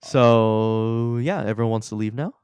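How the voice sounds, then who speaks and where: A man's voice: lowish voice, measured pace, a little mellow, clean tone, no room sound. A young man narrating a tabletop game as game master, casual and laughing often. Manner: casual, laughing, full of fillers.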